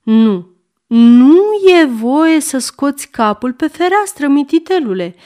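A woman's voice: sits high, expressive, dark tone, voice pushed up. A woman reading aloud and voicing a stern young man who scolds a child with spite. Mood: warning.

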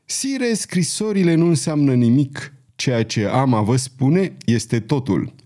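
A man's voice: mid-range voice, animated, mellow, lightly acted. A man reading aloud, voicing a fanatical monk who speaks in a firm, intense voice. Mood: firm, urgent. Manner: firm, then hoarse and thunderous.

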